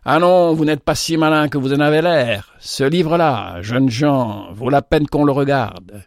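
A man's voice: medium pitch, a little slow, no room sound, studio quality, natural voice. A man voicing a stern, strict old army sergeant, a war veteran who lectures his soldiers firmly. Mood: lecturing. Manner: firm, lecturing.

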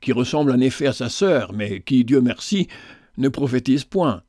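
A man voicing a calm, protective older estate master and father in a storybook reading. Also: mid-range voice, no echo, clean studio sound, close to an everyday voice. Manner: calm, measured.

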